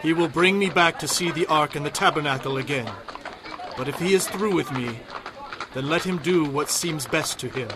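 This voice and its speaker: A man's voice: fairly high pitch, normal speed, background noise, natural voice. An actor playing a solemn exiled king, earnest and commanding, in a dramatized audio Bible. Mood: resigned, prayerful. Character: sorrowful exiled king, resigned yet commanding.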